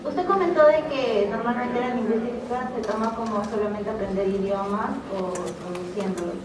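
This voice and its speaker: A woman's voice: a little high, moderate pace. Polite woman asking from the audience. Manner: polite, hesitant questioning. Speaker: audience member asking a question. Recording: echoey hall, distant mic, noisy.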